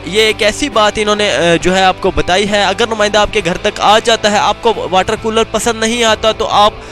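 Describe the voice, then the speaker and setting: A Pakistani man with a notably high-pitched voice delivers a promotional pitch for a video channel. He sells insistently in teleshopping fashion, hammering key claims again and again, with faint music underneath. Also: fairly even intonation, normal speed, pushed and bright. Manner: insistent teleshopping-style selling, repeating key claims emphatically. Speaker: video channel host presenting product offers.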